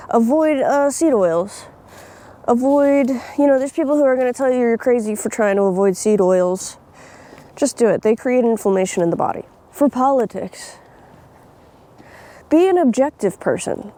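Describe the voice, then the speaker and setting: A young woman speaks straight into her phone while out in nature, her voice a touch high yet mellow and soft-edged. She talks bluntly, swears without a second thought and laughs now and then. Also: lively intonation, moderate pace. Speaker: vlogger. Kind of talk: casual opinion vlog. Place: outdoors in nature.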